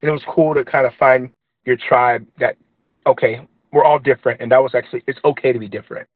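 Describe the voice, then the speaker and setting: With a mid-range voice, fairly even intonation, and a fast pace, a young man raised in Trinidad shares his story as an interview guest. His light Trinidadian accent comes with earnest reflection and lots of fillers and restarts. It sounds phone-quality with no echo.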